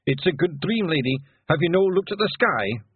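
A man voicing a tiny, rowdy male pictsie clan chief with a gruff broad Scottish brogue. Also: a little high, animated, moderate pace, no room sound, pitched above the performer's own voice. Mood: boisterous. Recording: tinny phone-like dry recording.

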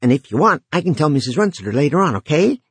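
A man's voice: fairly high pitch, sing-song, quick pace, husky, dry recording, voice pushed up, full character voice. A man voicing a lonely, pushy dead teenage boy who talks eagerly and insistently. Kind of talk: audiobook character voice.

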